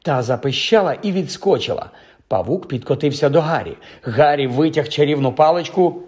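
A man reading a fantasy story aloud as an audiobook narrator, steady and vivid. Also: a little high, moderate pace, slightly rough.

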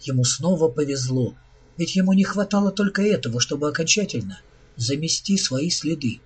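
Husky male audiobook narrator. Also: fairly high pitch, lively intonation, normal speed.

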